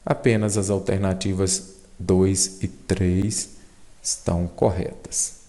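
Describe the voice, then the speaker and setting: Brazilian teacher, man, lower voice. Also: level tone, slow, warm tone. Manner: explanatory, checks in with "tá bom?" and "ó". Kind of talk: exam-prep lesson.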